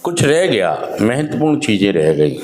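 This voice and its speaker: Here a male addiction counselor motivates rehab residents at a moderate pace, his lowish voice bouncing around an echoey room. He stays animated throughout, challenging his audience with one rhetorical question after another at the drug rehab center.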